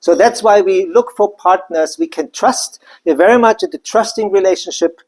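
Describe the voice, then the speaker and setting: Delivering a live business presentation, a German company presenter keeps things casual and conversational, scattering in many asides. Their voice has a medium pitch, a moderate pace and a somewhat dark tone.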